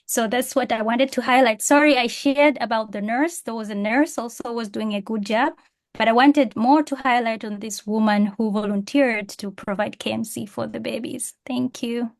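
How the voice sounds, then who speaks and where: A woman's voice: a little high, fairly even intonation, moderate pace. A woman from Tanzania sharing a story on an online roundtable, hesitant, with many fillers and restarts. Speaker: participant. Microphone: video call.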